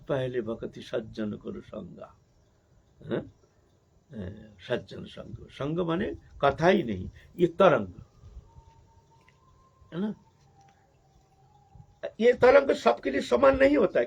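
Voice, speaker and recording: A man, a sadhu, telling a devotional story in a sermon, with animated, repetitive phrasing, in a dull lo-fi recording. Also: high voice, vocal fry, husky. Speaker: sadhu preacher.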